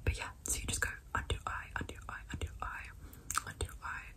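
A woman in her twenties doing a whispered role-play for ASMR, close to the mic, in a fast, repetitive manner. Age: 20s. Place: small dim indoor room.

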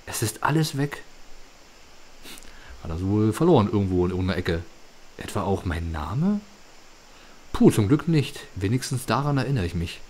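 A man's voice: lowish voice, darkish tone, a little hiss or hum, lightly acted. A man reading the lines of a confused, panicky young male fox creature in a video game. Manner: jittery, stammering in panic.

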